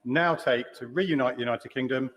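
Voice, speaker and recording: A man's voice: mid-range voice, moderate pace, fairly bright tone. A man delivering a formal, prepared parliament speech as a member asking a question. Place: large parliamentary chamber. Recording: faint background chamber noise.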